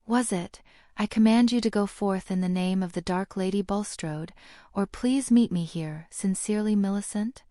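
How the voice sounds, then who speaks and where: A woman reading as a haughty young schoolboy from an aristocratic family, drawling every line with bored disdain. The tone is mellow and dark in an audiobook. The recording is close and dry. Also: mid-range voice, moderate pace, dry recording, lightly acted. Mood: sneering.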